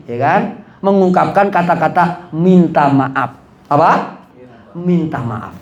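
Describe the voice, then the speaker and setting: A man preaching a religious study talk who poses questions to his audience and answers them himself, with joking asides. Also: high voice. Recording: echoey room.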